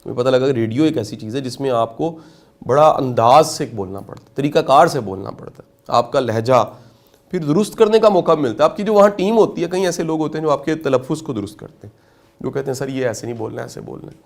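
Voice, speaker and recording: Speaking in a mid-range voice, a middle-aged man from Pakistan delivers a lively motivational talk and asks the audience questions.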